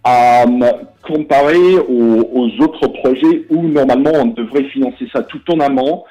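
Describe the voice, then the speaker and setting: This board game publisher, a man from Britain with a British English accent, speaks at a measured pace in a mid-range, dark-toned voice. He answers interview questions in French, stumbling through many fillers and restarts. The sound is dull and lo-fi.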